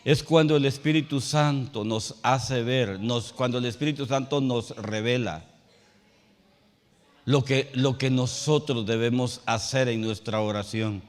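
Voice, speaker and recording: A male pastor preaching a sermon. He tells a personal story and rises to loud, emphatic calls. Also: medium pitch, measured pace, long reverb tail. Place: church sanctuary.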